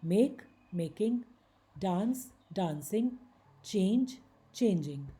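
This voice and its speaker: A woman's voice: medium pitch, expressive, takes it slowly, warm tone. A woman teaching English grammar in Hindi, patiently explaining rules step by step and reading out word examples. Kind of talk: slide-based Hindi grammar lesson.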